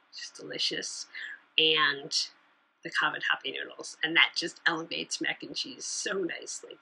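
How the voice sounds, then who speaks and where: Bright, breathy woman chatting casually. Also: lowish voice, low-quality recording. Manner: chatty, laughs often, trails off and restarts. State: hiccuping. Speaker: podcast host. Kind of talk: casual solo chat.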